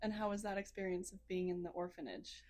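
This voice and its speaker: A woman's voice: medium pitch, fairly even intonation, quick pace, darkish tone. A woman hosting a podcast interview, friendly and upbeat, asking short questions. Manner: friendly, upbeat, brief prompts. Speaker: interviewer, community outreach coordinator.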